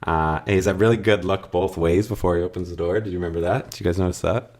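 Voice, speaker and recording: A man's voice: low-pitched, fairly even intonation, fast talker, darkish tone. A man co-hosting a casual wrestling review podcast, enthusiastic and rambling. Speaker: podcast co-host.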